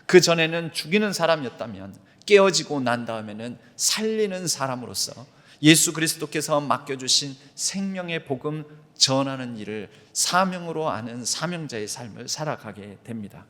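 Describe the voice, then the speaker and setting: A man's voice: fairly high pitch, expressive, normal speed, fairly bright tone. A man preaching a sermon as the church's pastor, reading passages from a book aloud with feeling. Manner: reads aloud from a book with emotional emphasis. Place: church sanctuary. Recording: long hall reverb.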